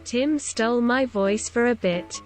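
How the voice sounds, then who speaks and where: Female british tts robot voice reading chat, flat and machine-like, kinda high. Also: measured pace, soft background music. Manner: flat synthetic delivery of typed chat lines. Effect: British-sounding text-to-speech robot voice. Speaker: stream co-host typing through a speech bot.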